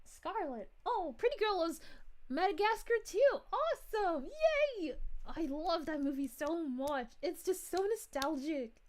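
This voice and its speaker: A woman's voice: very high-pitched, expressive, a little slow, darkish tone. A woman voicing a sweet, bubbly young princess, reading chat live in character and giggling often. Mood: chatty. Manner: giggly, gushing, chatty.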